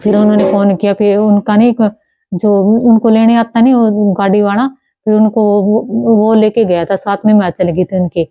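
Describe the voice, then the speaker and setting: A young woman telling her own story in a halting way, often breaking off and restarting her words. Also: medium pitch, fairly even intonation, no room sound, muffled recording. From Haryana. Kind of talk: personal testimony.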